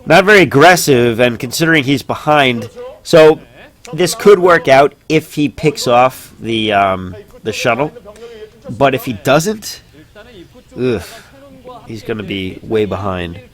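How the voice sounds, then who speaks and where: A man's voice: medium pitch, a little slow. Casual man casting a game stream. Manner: casual and chatty, rising to excited shouts on big plays. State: hiccups. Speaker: esports caster. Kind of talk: solo live-stream game commentary.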